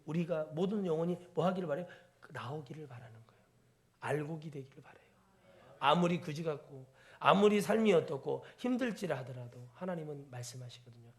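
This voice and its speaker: A man pastor delivering a sermon in a church, asking the congregation questions and moving between soft near-whispers and loud exclaimed peaks. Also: on the high side. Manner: preaching with rhetorical questions to the congregation. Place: church sanctuary.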